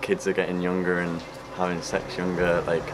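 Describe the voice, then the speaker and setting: A young man rambles through his answer, filling it with fillers. His voice is very deep and monotone. Clear street and traffic noise surrounds him outdoors. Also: normal speed. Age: young adult. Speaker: passer-by interviewee. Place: outdoors by a building.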